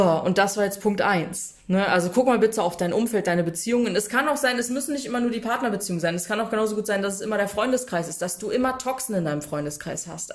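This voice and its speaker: A woman speaking straight to her viewers as a coach, informal and emphatic. She talks in a loose, conversational flow and keeps checking in with a quick questioning tag. Her pitch sits in a middle range for a woman. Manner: chatty and emphatic, often adds a questioning "ne?"; addresses viewers directly and informally. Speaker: coach for people affected by narcissistic abuse. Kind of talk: casual direct-to-camera advice talk.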